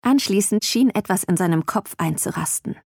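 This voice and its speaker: A woman reading a novel aloud in the first person, with lively and expressive storytelling. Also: mid-range voice, moderate pace, gravelly, husky, dry recording, clean studio sound. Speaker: audiobook narrator.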